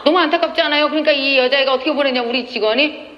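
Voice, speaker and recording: Animated woman lecturing in an echoey hall. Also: high-pitched, racing, lo-fi sound. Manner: animated, acts out quoted dialogue, laughs often. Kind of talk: lively lecture with storytelling. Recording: echoey hall with faint noise.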